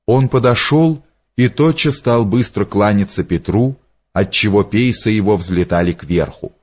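A man reads a story aloud at a very slow, measured pace, his voice fairly low. The recording is dull and lo-fi, as from an old tape. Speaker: narrator. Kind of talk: audiobook narration.

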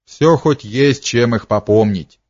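A man reading aloud, voicing a loyal, quick-witted male servant with terse, folksy speech. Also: mid-range voice, a little mellow, dry recording, lo-fi sound. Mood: urgent.

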